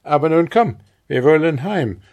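A man's voice: fairly low pitch, unhurried, darkish tone. A man voicing a hearty, good-natured young farmer in a fairy-tale reading.

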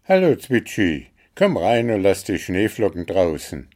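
A man's voice: deep voice, big pitch swings, unhurried, a little mellow, exaggerated voice. A man voicing a fussy, easily exasperated male kobold in a storybook. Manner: exasperated, grumbling. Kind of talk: storybook character voice.

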